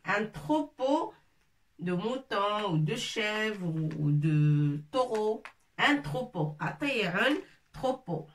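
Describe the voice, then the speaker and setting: A woman teaching with slow, unhurried patience, going over each word again and again syllable by syllable. Her voice sits a little back from the microphone. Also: mid-range voice, very animated, far from the mic. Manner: patient, repeats words syllable by syllable. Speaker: Arabic teacher. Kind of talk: slow spelled-out language lesson.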